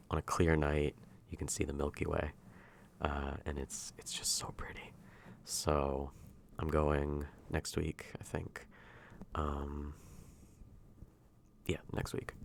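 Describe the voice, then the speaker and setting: A man speaking softly and intimately, close in a soft voice, in a drifting, hesitant ASMR ASMR role-play ramble. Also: extremely low pitch, gravelly, a little hiss or hum. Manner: hushed, intimate, near-soft voice at times.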